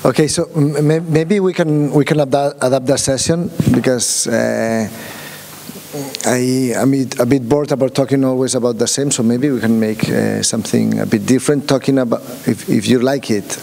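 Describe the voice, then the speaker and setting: A hesitant man with a mid-range, mellow voice, some vocal fry and fairly even intonation gives an informal workshop talk in a conference room. He speaks haltingly, restarting often, using many fillers and putting questions to the room. The recording carries long hall reverb and faint hiss.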